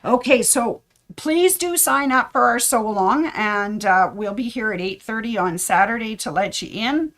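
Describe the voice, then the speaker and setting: A middle-aged woman, a sewing shop host giving casual tips, chatty and rambling, her voice slightly hoarse. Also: a little high, normal speed, a bit bright. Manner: chatty, rambling with fillers and asides.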